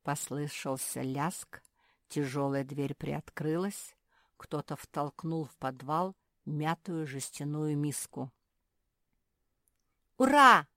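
A woman narrating a children's story in an even, storytelling manner, close to the mic. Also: low voice, slow pace, dry recording.

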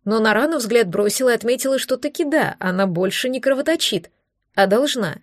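A woman reading first-person audiobook narration in a steady storytelling manner. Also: on the high side, a little fast, no room sound, studio quality.

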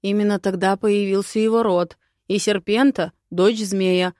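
A woman reading an audiobook voices a grave old male court adviser telling a dark legend. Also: mid-range voice, steady tone, moderate pace, dry recording, studio quality, close to an everyday voice.

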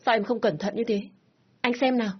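A woman voicing a caring young husband who asks gentle, coaxing questions in a husky voice. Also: fairly high pitch, fairly even intonation, a little fast, highs cut off, pitched above the performer's own voice. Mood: concerned.

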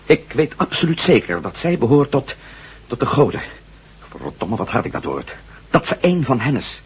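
A husky, mid-range male voice with a sing-song lilt, at normal speed, voices a determined, hot-tempered former astronaut who lays out plans in a sci-fi radio play. Urgent and argumentative, he swears and presses his point hard. The recording is dull and lo-fi.

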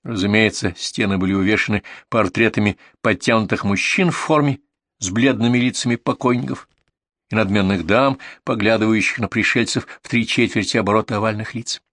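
A man narrating an audiobook in an even, descriptive reading style. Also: lowish voice, fairly quick, dry recording, studio quality. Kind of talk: scripted narration.

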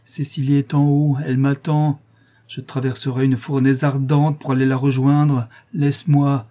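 A man's voice: lowish voice, moderate pace, mellow, husky. A man voicing a raving, delirious notary. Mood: feverish pleading. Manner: feverish, pleading then menacing. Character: raving delirious middle-aged male notary.

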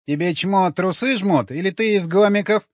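A man's voice: on the high side, measured pace, dry recording, dull audio, voice pushed up, lightly acted. A man voicing a rude, toothless young woman working as a prostitute in an audiobook. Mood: mocking. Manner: crude, mocking.

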